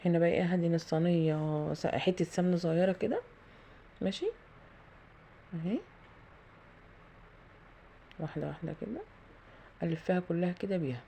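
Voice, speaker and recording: A woman with an Egyptian Arabic accent hosts a home cooking video from her kitchen, chatting through the tutorial as she thinks aloud, with many fillers and pious phrases. Her voice is warm and on the low side, with vocal fry, a normal pace and long pauses. There is slight background noise.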